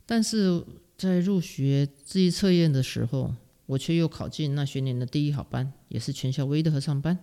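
A middle-aged woman speaks Mandarin with a Taiwanese accent, telling her stories as a guest in a relaxed interview. She is animated and self-mocking, and she laughs often between her lines. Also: low voice, a little fast, hardly any pauses. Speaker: guest, music teacher. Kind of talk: casual storytelling interview.

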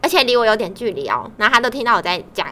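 Woman, chatty co-host; high-ish bright voice, lively office anecdotes, faint background hiss. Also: very fast. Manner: animated storytelling, acts out coworkers' lines. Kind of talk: casual chat about office life.

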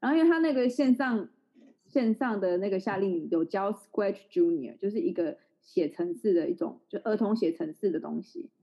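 A woman's voice: medium pitch, animated, moderate pace, warm tone, slightly rough. A woman in her thirties, a podcast co-host chatting casually and telling a family story with frequent laughter. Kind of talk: casual chat. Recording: slightly dull lo-fi recording.

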